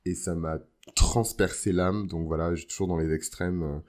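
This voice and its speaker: A man's voice: deep voice, fairly even intonation, moderate pace, a little mellow. A man hosting an astrology podcast as a casual, informal monologue, dropping bits of English slang into his talk. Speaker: podcast host.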